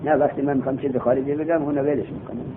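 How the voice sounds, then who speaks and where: A man teaching Arabic grammar in a classroom lesson. He reads each line of the text slowly, then explains it and quizzes his students. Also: fairly even intonation. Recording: tinny phone-like recording with faint rumble.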